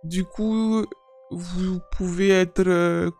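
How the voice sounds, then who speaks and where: A calm, formal hospital receptionist speaks politely and gently, pausing as she picks her words. A woman voices her in a game role-play. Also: lowish voice, faint music behind. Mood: gentle formal. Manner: polite, measured, hesitant consoling.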